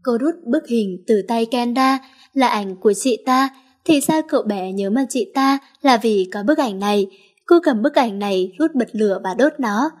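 A woman narrating a family story for an audiobook in a calm, even way. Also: on the high side, normal speed.

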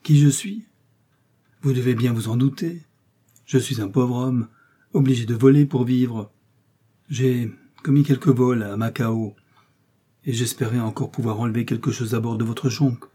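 A man's voice: mid-range voice, fairly even intonation, normal speed, pauses often, warm tone, husky, lightly acted. A man reading an adventure novel, voicing a clever captive detective who pleads and whines to fool his captors. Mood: pleading. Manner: pleading, whining. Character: captive male detective, cunning, feigning fear.

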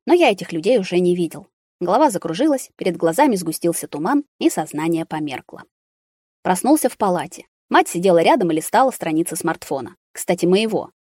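Female audiobook narrator, low, calm reading, dry close sound. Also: no room sound. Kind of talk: scripted narration.

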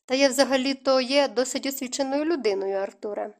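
A woman's voice: high voice, a little fast. A woman voicing a self-assured young woman in an audiobook, with a dry, ironic way of speaking. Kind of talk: audiobook narration.

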